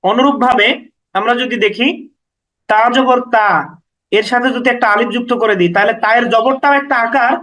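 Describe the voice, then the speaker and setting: A man whose voice is very high, bright and forceful explains recitation rules in a step-by-step lesson at a moderate pace. Going patiently from one rule to the next, he repeats every point and stretches the example sounds, holding steady the whole time. The audio is poor.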